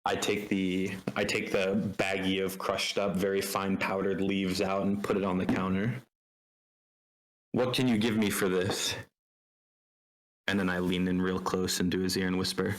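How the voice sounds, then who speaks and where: A man playing a tabletop game, calmly describing what his character does. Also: low voice, normal speed, poor audio. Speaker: player.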